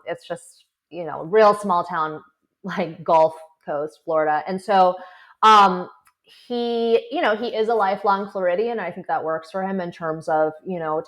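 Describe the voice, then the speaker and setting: A woman, a political correspondent, chatting as an interview guest, laughing often and filling pauses with "um" and "you know". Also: sits low, steady tone, fairly bright tone. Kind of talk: conversational interview. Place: South Florida.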